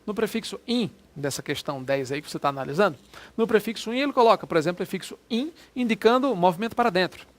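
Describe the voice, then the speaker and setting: Explaining exam questions in a prep lesson, this high-voiced man with a Brazilian Portuguese accent uses lively intonation. His style is chatty, and he frequently pauses to check in with whoever is listening.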